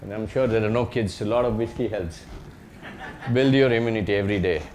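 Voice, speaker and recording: A man's voice: lowish voice, brisk, darkish tone. Indian-accented man giving a talk, noisy recording. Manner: joking, conversational, uses short phrases and tag questions. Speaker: wildlife researcher giving a talk. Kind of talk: public talk with slides, anecdotal storytelling. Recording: live talk with background noise.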